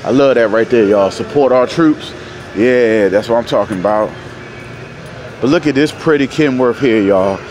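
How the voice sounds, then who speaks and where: A man from North Carolina, a truck driver casually vlogging to viewers in an animated, folksy way. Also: medium pitch, normal speed, a little hiss or hum. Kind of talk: casual vlog talk to viewers. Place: truck stop, indoors and outdoors in the lot.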